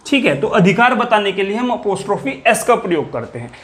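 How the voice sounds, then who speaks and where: A man with a high voice teaches an English grammar lesson, quizzing students with questions he then answers himself, repeating key words and dropping his voice on the answers. He is very animated and fairly quick, with a fairly bright tone, in a repetitive classroom-lecture style.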